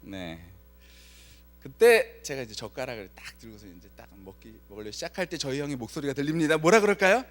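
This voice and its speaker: A man's voice: mid-range voice, a little fast. A man preaching a Friday night sermon as pastor, telling a story with acted-out lines and questions to the congregation. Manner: lively storytelling, acts out quoted lines, asks the congregation questions. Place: church sanctuary.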